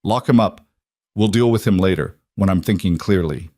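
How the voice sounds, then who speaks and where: A man voicing a possessive, wounded male mafia boss who speaks quietly and intensely. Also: low voice, normal speed, no room sound, clean studio sound, lightly acted.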